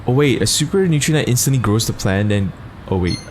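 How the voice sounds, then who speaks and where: A man gives casual let's play commentary in slangy, profane language. His pitch is lively and jumps around, and there is clear game noise behind him. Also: fairly quick. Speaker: gaming video host. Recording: noisy game sound behind.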